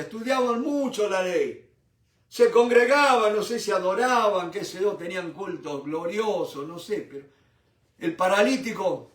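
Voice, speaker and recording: A man's voice: sits high, echoey room, recorded from a distance. A man preaching a Bible study sermon with fervor, calling his listeners brothers. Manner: fervent, addresses listeners as brothers.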